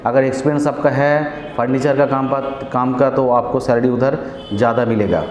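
A man in his forties, a visa agent who hosts a channel, explains job openings to camera at a moderate pace and medium pitch, steady and repetitive with many fillers and restarts. He wears a clip-on lapel mic in a small, echoey office with faint room noise, and the audio sounds dull.

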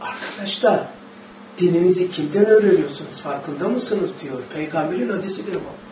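A high-voiced man with a Turkish accent preaching a religious lesson with impassioned, emphatic bursts. He quotes Arabic verses and questions his audience. The recording is roomy and distant, with faint background noise. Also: brisk, darkish tone. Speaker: religious teacher. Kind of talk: Quranic study sermon. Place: mosque or study hall. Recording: echoey hall, faint noise, distant mic.

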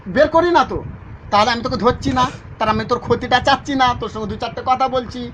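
A quick-talking man, coaxing and pressing with question after question. He talks at a brisk pace and now and then breaks into laughter. Loud noise sits behind his voice on a rough outdoor recording. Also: very high voice, rough recording. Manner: coaxing, insistent, laughing at times. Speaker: exorcist.

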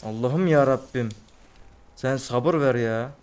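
Young man with a Turkish accent, gameplay commentary, mutters low, erupts into angry cursing. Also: slow pace, a little mellow, smooth. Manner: muttering to himself, bursting into angry swearing. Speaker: gameplay streamer.

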